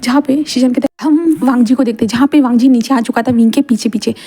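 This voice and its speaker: A woman's voice: fairly high pitch, steady tone, fast talker, warm tone, breathy edge. A woman narrating a fan story in a casual, rambling way with many fillers.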